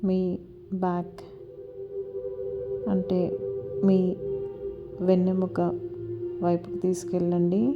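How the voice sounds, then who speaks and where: A woman slowly and softly guiding a body-scan meditation, with long pauses. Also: on the low side, completely flat delivery. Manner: slow, soft and soothing, with long pauses. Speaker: meditation guide. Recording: slightly dull audio with music behind. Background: soft music and a singing bowl.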